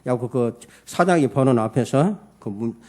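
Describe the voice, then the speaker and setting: A man's voice: mid-range voice, lively intonation, normal speed, dark tone. A man pastor giving a Sunday morning sermon in church, preaching emphatically, calling for amens and telling a story with many fillers. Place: church service.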